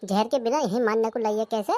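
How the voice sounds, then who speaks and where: A woman's voice: a little high, fairly quick, a little mellow, close to an everyday voice. Woman voicing a stingy bickering village husband. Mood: teasing grumbling. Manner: scolding, mock-dramatic. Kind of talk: cartoon comedy voice acting.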